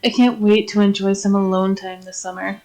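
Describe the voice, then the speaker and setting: A woman's voice: medium pitch, steady tone, brisk, a little mellow, lightly acted, low-quality recording. A woman playing a weary, sarcastic heroine camper. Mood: wry.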